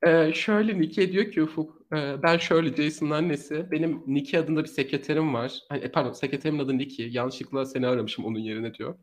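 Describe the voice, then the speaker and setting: Fast-talking man telling a crime story. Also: on the high side. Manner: animated storytelling, laughs often. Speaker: podcast co-host telling a true crime story. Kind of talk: casual true crime podcast chat.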